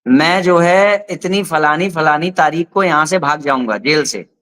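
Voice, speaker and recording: A man hosting a discussion, telling an anecdote in a relaxed, measured conversational way. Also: a little high. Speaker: host. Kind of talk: conversational storytelling.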